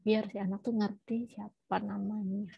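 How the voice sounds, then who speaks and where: Gravelly-voiced woman giving a lecture. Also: medium pitch, level tone, normal speed, no echo. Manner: explanatory, frequent tag "ya", self-corrections. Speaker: teacher. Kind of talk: lecture on child language development. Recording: muffled lo-fi recording.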